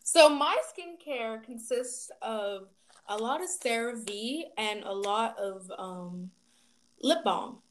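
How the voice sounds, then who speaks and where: A chatty young woman with a slightly high voice co-hosts a relaxed podcast. She talks casually and turns animated when a topic excites her. A faint hiss sits under her voice. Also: takes it slowly. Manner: chatty, animated when passionate, drops into whispers. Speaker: podcast co-host. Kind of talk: casual chat. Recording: faint background noise.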